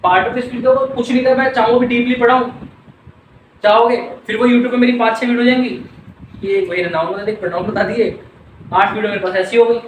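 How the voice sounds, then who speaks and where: A man's voice: extremely high pitch, steady tone, brisk, roomy sound, far from the mic, a little hiss or hum, poor audio. A man with an Indian accent teaching an English class, mixing Hindi and English, drilling words and questioning his students.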